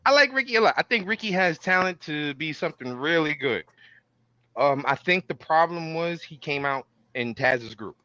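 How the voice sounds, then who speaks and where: Man, higher-pitched bright voice, podcast host, wrestling-announcer flair, theatrical, casual fan talk. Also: normal speed, dry recording, highs cut off. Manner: showy, theatrical.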